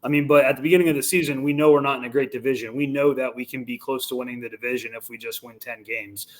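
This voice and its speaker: A man's voice: medium pitch, fairly even intonation, fast talker. A young man co-hosting a sports podcast, talking casually with slang and repeated words. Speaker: podcast co-host.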